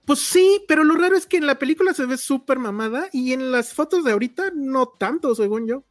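A woman's voice: sits high, expressive, a little fast. A woman with a Mexican Spanish accent chatting casually as a film reviewer, slangy and full of hedges. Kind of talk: casual movie review chat.

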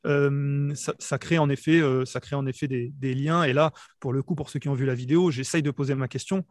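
Fast-talking French reporter man, hesitant. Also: medium pitch, steady tone, no room sound. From south of France. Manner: hesitant, many fillers and restarts. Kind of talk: casual podcast chat.

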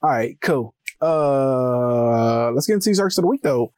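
A man hosting a casual podcast from inside a closet, rambling in profane, animated slang. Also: mid-range voice, measured pace, clear, resonant tone, no room sound, clean studio sound. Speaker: podcast host.

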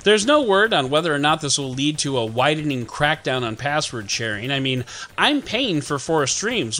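A man's voice: on the high side, pushed and bright. A man hosting a scripted tech news podcast, reading with wry, joking asides. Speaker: podcast host.

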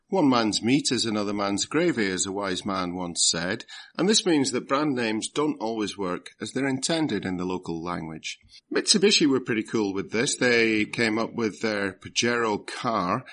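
A man's voice: fairly low pitch, fairly bright tone. A man presenting a comedy podcast in a chatty, partly scripted way.

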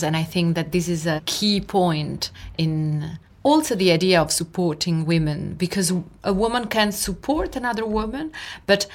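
Italian woman podcast host, lowish voice, reflective interviewer. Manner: thoughtful, probing questions. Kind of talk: conversational interview.

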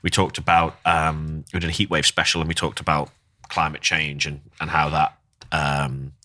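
A man's voice: a bass voice, flat delivery, normal speed, sharp tone, no echo, clean studio sound. A man from Northern England co-hosting a podcast, chatting casually and hesitating often with ums. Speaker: podcast co-host. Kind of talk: casual chat.

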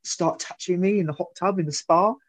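A man chatting casually, telling rambling, halting stories. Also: high-pitched, low-quality recording. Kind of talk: casual chat.

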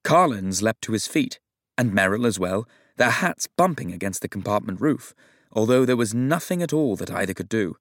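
A man with a fairly low voice narrates a novel for an audiobook, measured and even in his storytelling. The studio-quality recording is dry.

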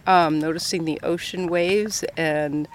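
On a coastal path outdoors, an American woman from Colorado, a middle-aged professor, gives a casual interview in a low, steady voice at a measured pace. Light ambient outdoor noise is audible.

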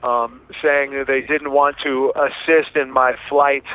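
A man's voice: mid-range voice, flat delivery, a little slow. Man telling his story, thin phone-like sound. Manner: informal, emphatic, quotes remembered speech. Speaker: interview guest. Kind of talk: candid personal storytelling.

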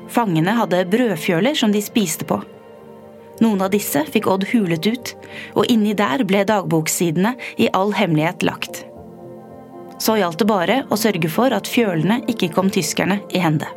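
Woman narrating a history story calmly. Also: medium pitch. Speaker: podcast narrator. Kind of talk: scripted narration. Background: faint music.

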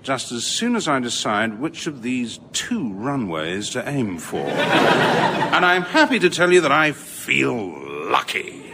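A man playing a mischievous veteran co-pilot who gives a dry, teasing, mock-formal announcement to passengers over the cabin loudspeaker in a radio comedy. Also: medium pitch, wildly swooping pitch, takes it slowly, in a large hall, heavy background noise, exaggerated voice. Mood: wry. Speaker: airline first officer.

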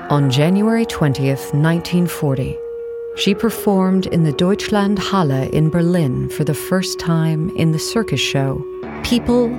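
This narrator, medium-pitched and lightly acted, reads scripted history for an audio play. The delivery is measured and matter-of-fact over a musical backdrop.

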